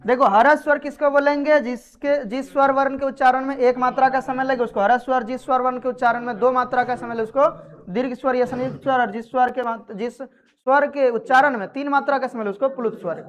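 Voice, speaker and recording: A woman's voice: high voice, fairly even intonation, brisk. A woman teaching a grammar lesson to a class, quizzing her students and scolding them when they act up.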